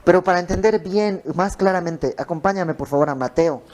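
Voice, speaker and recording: A man's voice: high-pitched, fairly quick, darkish tone. A man teaching an informal Bible study in a home, explaining verse by verse with conversational asides. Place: a private home.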